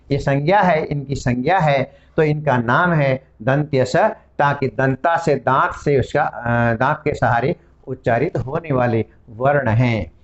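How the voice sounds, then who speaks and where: A man's voice: a little high, highs cut off. A man teaching a Sanskrit grammar lesson, explaining and spelling out each sound one at a time. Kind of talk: classroom-style lesson.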